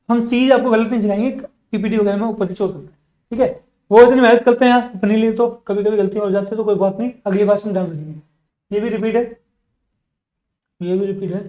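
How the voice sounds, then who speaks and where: A man teaching spoken English in a classroom, explaining words in Hindi, then saying each English example sentence slowly and carefully, often repeating words and asking the class questions back. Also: extremely high pitch, reverberant, low-quality recording. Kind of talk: bilingual classroom lesson.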